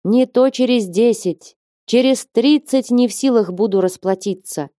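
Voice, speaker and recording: A woman's voice: on the high side, unhurried, mellow, no room sound, pitched above the performer's own voice, natural voice. Anxious male trader begging for time, trembling, dry close read, voiced by a woman. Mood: pleading. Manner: pleading, trembling.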